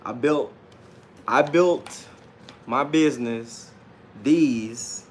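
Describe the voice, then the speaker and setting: He draws out his words in a medium-pitched voice over slight background noise. A late-thirties livestreamer and self-published author, he holds forth casually and unscripted, sure of himself, slangy, repetitive, and fond of the word "man."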